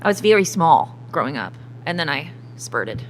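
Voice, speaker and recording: A young woman, a singer-songwriter guest on a podcast, talking in casual chat, candid and quick to laugh. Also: low voice, big pitch swings, a little hiss or hum.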